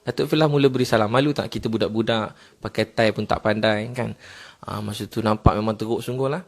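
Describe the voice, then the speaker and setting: A man giving a religious talk, telling personal stories quickly and filling pauses with a short "ha". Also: lowish voice, steady tone, vocal fry. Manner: quick storytelling with many filler "ha"s. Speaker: Islamic preacher.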